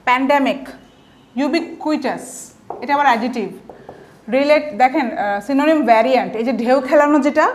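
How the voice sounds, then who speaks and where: A woman's voice: sits high, moderate pace, a little hiss or hum. A woman with a Bangladeshi Bengali accent teaching an online vocabulary lesson, explaining step by step and posing frequent rhetorical questions. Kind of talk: online exam-prep lecture.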